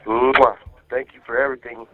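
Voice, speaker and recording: A man's voice: medium pitch, level tone, a little fast. A man talking to his wife on a prison phone line, in a casual, slangy and affectionate way. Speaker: jail inmate calling his wife. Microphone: jail phone handset. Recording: tinny jail phone line.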